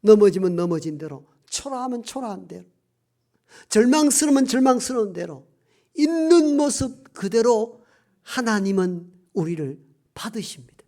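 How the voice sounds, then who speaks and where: A middle-aged male pastor preaching a Sunday sermon in a church. He moves between raised emphatic phrases and hushed, almost whispered lines, and slows down to stress key words. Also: sits high, very animated. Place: church sanctuary.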